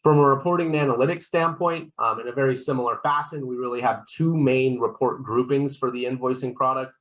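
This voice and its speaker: Man walking through a software demo. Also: mid-range voice, fairly even intonation, fairly quick, muffled recording. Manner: explanatory, keeps checking in with "right?", frequent fillers and restarts. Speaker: solution consultant presenting a software demo. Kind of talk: webinar product walkthrough.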